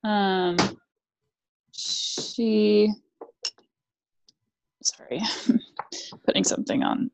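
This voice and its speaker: A woman's voice: medium pitch, steady tone, very slow, pauses often, whispered. A young woman who is a guest on a casual podcast and teases and jokes with the host. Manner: teasing, joking and laughing softly.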